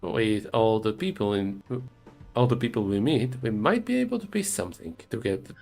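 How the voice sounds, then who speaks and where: A man plays a gruff train conductor with a gravelly edge who grumbles and snipes his way through a game. His pitch swings a lot from line to line, with faint music underneath. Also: big pitch swings, normal speed, darkish tone. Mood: grumbling. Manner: sarcastic, grumbling. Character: grumpy sarcastic train conductor companion.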